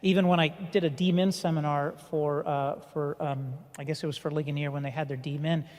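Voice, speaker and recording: Halting middle-aged man in a reverberant hall. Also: on the high side, fairly even intonation, a little mellow. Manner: halting, many restarts and fillers. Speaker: panel speaker. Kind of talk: personal story at a conference panel.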